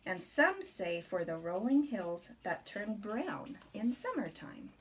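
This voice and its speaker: Reading aloud from a rhyming picture book for a little child, a woman uses a deliberate, expressive storybook delivery with conversational asides. Her voice is mid-range, and the background is noisy.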